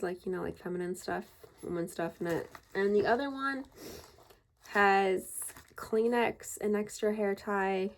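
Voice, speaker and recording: Woman, casual home vlog, rambling chatty talk, slightly breathless, gravelly voice, faint background noise. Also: a little high. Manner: chatty and rambling, with many fillers. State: a bit out of breath. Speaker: vlogger. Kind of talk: casual chat. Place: home, indoors.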